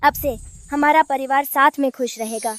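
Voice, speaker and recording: A woman voicing a sweet, gentle and forgiving young girl in a dubbed cartoon, earnest in her pleading. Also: high voice, fairly even intonation, normal speed. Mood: reassuring.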